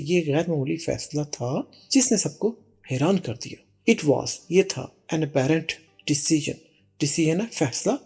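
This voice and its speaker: A teacher giving a bilingual vocabulary lesson, reading English example sentences slowly, then translating and repeating them. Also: mid-range voice, vocal fry, dark tone, breathy edge.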